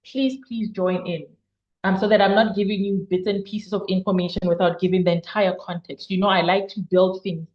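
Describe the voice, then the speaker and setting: A woman's voice: medium pitch, steady tone, fairly quick, a little mellow, echoey room, dull audio. A woman giving health advice in a casual question-and-answer chat, explaining at length and repeating words for emphasis. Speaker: health guest expert.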